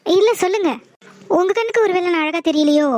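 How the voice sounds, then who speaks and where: A woman plays a young cartoon wife. Her very high voice turns fretful and vain with her husband, then gentle and reassuring as an elder sister. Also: quick pace, no echo, clean studio sound. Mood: fretting.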